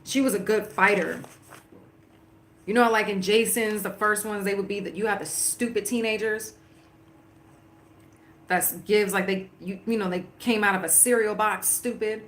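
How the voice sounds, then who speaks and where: Woman just chatting casually on a stream, rambly, says like a lot, middle pitched voice. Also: fairly even intonation, moderate pace, pauses often, a bit bright, roomy sound, slight background noise. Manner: chatty, rambling, fills with "like" and "you know". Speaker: livestream host. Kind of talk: casual chat while watching a movie.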